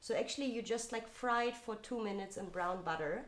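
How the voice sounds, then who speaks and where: A woman's voice: mid-range voice, fairly quick. A woman co-hosting a casual cooking livestream. She talks in a chatty way, often searching for words and using non-native phrasing. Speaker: cooking show co-host. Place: kitchen studio set. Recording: echoey room.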